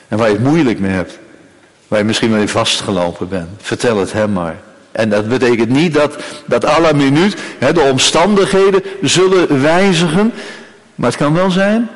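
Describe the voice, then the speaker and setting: Preacher in a reverberant church. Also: male voice, medium pitch, animated, moderate pace. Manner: emphatic, frequent tag "hè" and repeated phrases. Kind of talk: sermon.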